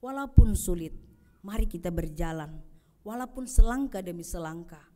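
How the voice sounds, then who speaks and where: A woman pastor giving an Easter sermon, swinging between loud calls and soft low passages and asking the congregation questions. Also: expressive, normal speed, a little hiss or hum.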